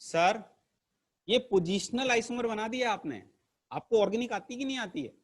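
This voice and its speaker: A man voicing a cheeky young student who scolds his teacher in an exasperated, higher voice during a playful online chemistry class. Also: fairly quick. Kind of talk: playful classroom role-play.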